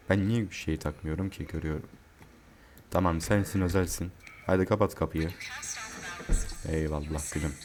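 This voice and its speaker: A man playing a horror game and commenting, joking and swearing, yelling in panic when chased. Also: low voice, slight background noise. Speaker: gamer.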